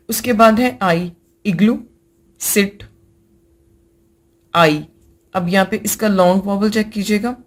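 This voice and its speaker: Brief: woman, Pakistani accent, patient grammar teacher, repeats example words slowly. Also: mid-range voice. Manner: mixes English terms into her explanations. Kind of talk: classroom lecture explaining vowel sounds.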